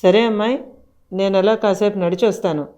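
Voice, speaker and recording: A woman's voice: mid-range voice, steady tone, brisk, warm tone, muffled recording, close to an everyday voice. A woman voicing an elderly grandfather in a storybook tale, calling out firmly and a little impatiently. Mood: calm. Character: elderly grandfather, calm but growing impatient.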